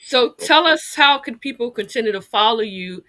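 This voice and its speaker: A woman hosting a conversational interview, asking measured questions and affirming her guest. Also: fairly high pitch, animated, pushed and bright. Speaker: interview host.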